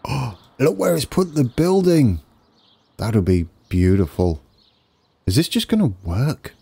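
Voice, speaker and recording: Wheezy, congested man with a deep, mellow voice. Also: vocal fry. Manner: thinking aloud, tentative. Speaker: gaming video host. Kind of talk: casual game build commentary.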